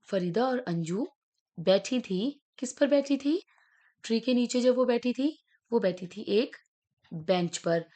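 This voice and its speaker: Slow-speaking woman teacher. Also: a little high, expressive, dark tone. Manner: slow, drawn-out teaching, sounding out syllables and mixing in English. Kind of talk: online class lesson.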